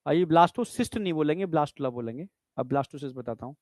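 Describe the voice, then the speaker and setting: A man's voice: a little high, lively intonation, racing, a little mellow, no room sound, studio quality. A man teaching biology in a classroom lecture, explaining step by step and often checking that students understand. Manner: addresses students as "bhai" and "beta".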